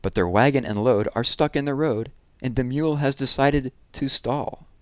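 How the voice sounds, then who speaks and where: Reading picture books and children's poems aloud, a man speaks with deliberate expression and drops in conversational remarks. His voice is smooth and medium-pitched, with no echo.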